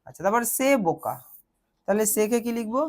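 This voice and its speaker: A woman's voice: mid-range voice, sing-song, quick pace, darkish tone. A young woman teaches children translation, patiently asking questions and answering them herself. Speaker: tutor.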